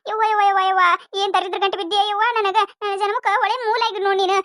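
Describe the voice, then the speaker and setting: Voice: little pitch movement, fast talker, a bit bright, no room sound. A voice actor playing a scolding older village mother-in-law with a North Karnataka accent in a cartoon comedy. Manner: scolding, nagging, shrill.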